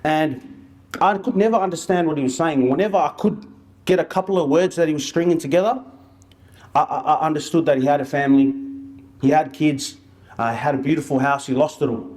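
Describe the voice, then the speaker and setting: A man's voice: a little high, fairly quick, darkish tone. A man giving an informal presentation as an outreach worker, telling stories in colloquial, slangy language. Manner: colloquial and anecdotal, with slang and re-enacted dialogue.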